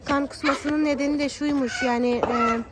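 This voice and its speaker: A woman's voice: sits high, steady tone, normal speed. A young woman and mother chatting casually to her viewers in a home vlog. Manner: chatty, addresses viewers as friends. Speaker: vlogger and mother. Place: family home. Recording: noisy home recording.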